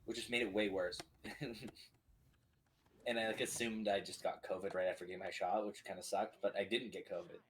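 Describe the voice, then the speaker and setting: Low voice guy rambling, lots of "like", bit of background noise. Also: steady tone, brisk, fairly bright tone. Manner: rambling with many "like"s, laughs easily. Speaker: friend on the stream. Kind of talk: casual chat.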